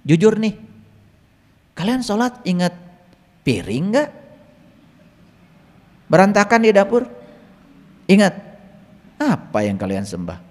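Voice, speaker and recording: A man teaching a religious lesson in sermon style, firing rhetorical questions at his listeners and reciting Arabic verses slowly and drawn out. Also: extremely high pitch. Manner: lively, fires rhetorical questions at the audience. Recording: long reverb, hall-like room.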